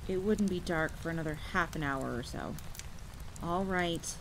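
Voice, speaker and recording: A woman with a low voice, speaking a little fast, performs a scripted first-person campfire tale in a dramatic, suspenseful style. She is an audio roleplay performer and storyteller, and rain, rolling thunder and outdoor ambience are clearly heard behind her.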